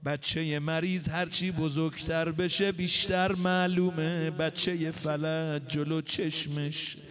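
A man preaching, telling a story in a slow, chanted style with fast, rising emotional outbursts. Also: fairly high pitch, little pitch movement, fairly bright tone, faint music behind. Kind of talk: chanted religious sermon storytelling.

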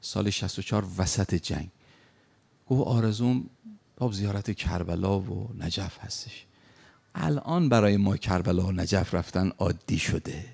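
A man with a lowish, creaky, mellow and slightly rough voice preaches a sermon. He recounts an anecdote emphatically, acting out the lines of the people in the story.

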